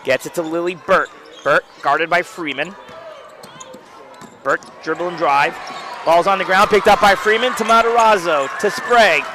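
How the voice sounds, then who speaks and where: A man calling a high school basketball game play by play from courtside, quick calls that jump up on big plays. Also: noisy background. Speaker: play-by-play announcer. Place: courtside at a gym.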